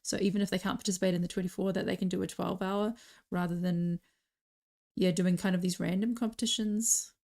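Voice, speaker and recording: A woman's voice: lowish voice, level tone, fairly quick, darkish tone. A woman hosting a live online stream, chatty and encouraging as she cheers competitors on. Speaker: host.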